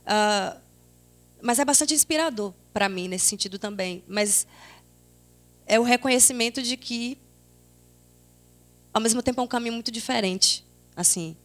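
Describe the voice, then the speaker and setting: A young woman in her twenties speaks with a Bahian accent, her voice sitting a little high. She talks as a panel guest, reflective and searching, circling back and restarting as she works through her thoughts. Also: normal speed, pauses often, a bit bright, faint music behind. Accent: Bahian Brazilian Portuguese. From Salvador, Bahia, Brazil. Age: 20s. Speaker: panelist, theatre critic.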